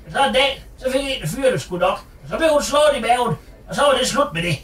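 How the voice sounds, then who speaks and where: A man's voice: very high-pitched, expressive, fairly bright tone, recorded from a distance. A man playing a crude, foul-mouthed, bossy mother in a comedy radio sketch, swearing and insulting. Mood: spiteful. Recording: roomy echo, off-mic.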